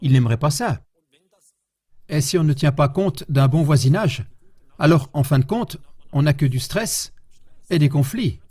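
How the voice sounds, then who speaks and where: A man giving a public lecture as a historian, speaking in a measured way and putting rhetorical questions to his audience. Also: fairly high pitch, lively intonation, dark tone, husky.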